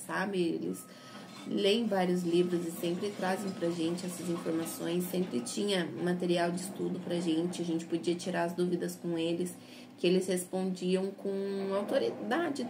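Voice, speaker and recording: A woman's voice: mid-range voice, gravelly. A young adult woman with a Brazilian Portuguese accent tells her personal story in a chatty, rambling way, full of tag questions. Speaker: convert telling her story. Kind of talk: casual personal testimony. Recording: noisy background. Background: noise in the background.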